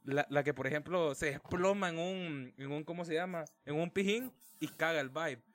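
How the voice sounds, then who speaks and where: A man's voice: a little high, normal speed, a bit bright. A young Honduran man hosting a casual group chat, steering the talk and playfully acting out the people he quotes. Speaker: podcast host.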